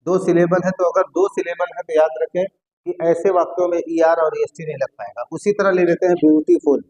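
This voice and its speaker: A man teaching an English grammar lesson, often repeating key words slowly as he writes them on the board. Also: a little high, darkish tone, rough recording.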